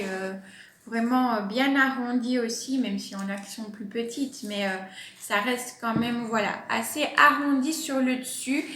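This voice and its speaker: A woman with a high voice talks slowly and casually about her houseplants, pausing often with fillers as she explains. The sound has the ring of an echoey room at home. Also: a bit bright, a little hiss or hum. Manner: chatty, hesitant with many fillers. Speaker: plant channel host.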